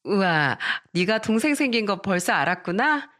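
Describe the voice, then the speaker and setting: A woman's voice: medium pitch, big pitch swings, normal speed, fairly bright tone. A woman voicing a brash young pregnant stepmother who talks back defiantly. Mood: sweet.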